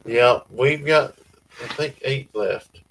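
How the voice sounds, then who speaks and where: A man's voice: medium pitch, takes it slowly, a bit bright, a little hiss or hum, poor audio. A man with a Southern US accent hosting a casual family-farm livestream, reading viewer comments in a laid-back drawl. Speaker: livestream host.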